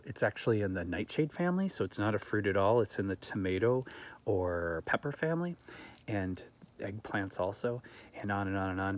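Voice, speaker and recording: A man hosting his own gardening channel, talking earnestly to camera from his garden and musing aloud with rhetorical questions. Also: low voice. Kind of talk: reflective talk to camera. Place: home garden, outdoors.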